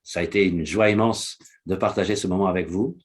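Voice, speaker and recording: A man with a low, steady voice, whose first language is Portuguese, delivers a motivational online presentation to his business network at a fairly quick pace. He repeats key phrases and frequently checks in with his listeners.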